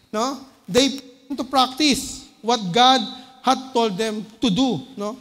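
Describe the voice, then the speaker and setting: High-voiced Filipino man preaching. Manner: keeps checking with the congregation by tagging "no?" onto phrases; moves between loud urgent bursts and low quiet asides. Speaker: lay preacher. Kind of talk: sermon. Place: church hall. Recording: long reverb of a church hall.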